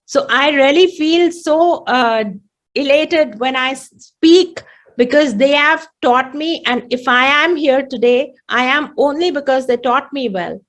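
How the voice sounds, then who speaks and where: A woman with an Indian accent giving an online training lecture as a mediator, explaining deliberately with repeated phrases, her throat a little choked. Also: high voice, fairly bright tone.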